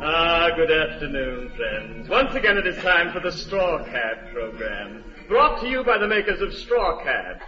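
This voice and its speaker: An actor playing a jovial radio announcer with smooth, jokey patter. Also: male voice, a little high, very animated, a little slow, few pauses, muffled recording, over music. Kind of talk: 1940s radio comedy. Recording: distant, hissy old radio recording.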